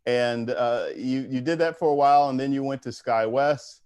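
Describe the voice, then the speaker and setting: A man's voice: mid-range voice, moderate pace, a little mellow, clean tone. A man asking interview questions in a conversational way, keen on aviation.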